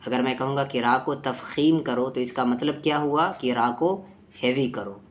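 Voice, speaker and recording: A man teaching tajweed. He explains letter sounds and recites slowly, phrase by phrase, for his student to repeat. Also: mid-range voice. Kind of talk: tajweed lesson with repeat-after-me drills.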